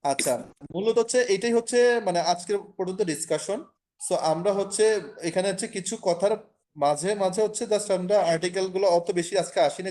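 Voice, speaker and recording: A man's voice: on the high side, darkish tone. A man from Bangladesh teaching French over a video call, explaining in Bengali with English and French phrases mixed in and many fillers. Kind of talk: online class lecture.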